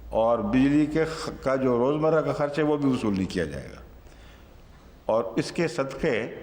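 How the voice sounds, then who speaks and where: A man's voice: mid-range voice, big-room sound, a little hiss or hum. A man giving an unscripted religious lesson in a conversational manner, stopping now and then to question a helper. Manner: conversational, breaks off to quiz a helper. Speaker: religious teacher giving Quran commentary. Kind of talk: unscripted sermon-like lesson to a gathering.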